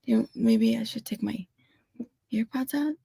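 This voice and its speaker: A woman joins by video call, and her voice comes through with fuzzy, crackling distortion. She speaks slowly with a gravelly edge and keeps her replies short and repeated. The sound is dry and close, with no room around it. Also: a little high, warm tone, dry recording. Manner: brief, repeated replies over a breaking connection. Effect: distorted, glitchy video-call audio. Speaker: guest. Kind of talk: casual conversation.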